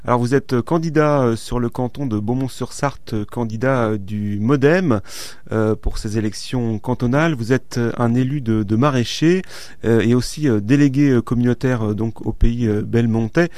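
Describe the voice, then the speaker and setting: A man interviewing a local candidate, asking his questions haltingly with frequent fillers. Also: medium pitch, darkish tone, no echo. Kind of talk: radio-style interview questions.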